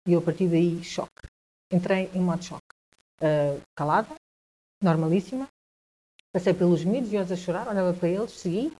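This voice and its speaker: A woman with a European Portuguese accent tells a personal story as a guest in a conversation, her speech halting with frequent restarts and repeated words. Her voice is fairly low and warm.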